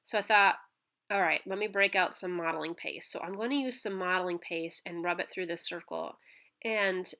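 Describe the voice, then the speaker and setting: A scrapbooking channel host, stuffy-nosed with a cold, talks at a moderate pace in a fairly low, sharp-toned voice. Her casual crafting narration, made with a home voice-over mic, keeps breaking into ums and restarts.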